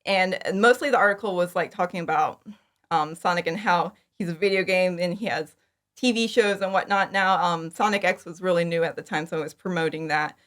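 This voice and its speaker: On a podcast, a woman in her thirties who creates fan audio dramas gives casual interview answers in a lowish, fairly quick, fairly bright voice. She is enthusiastic and informal, giggling as she goes.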